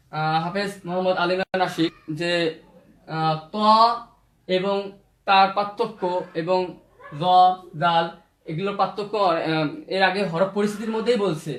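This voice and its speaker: A man teaching how to pronounce Arabic letters, slowly repeating each sound and vowel mark. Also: sits high. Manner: slow, repetitive drilling of letters and vowel marks. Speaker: Quran reading teacher. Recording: echoey room.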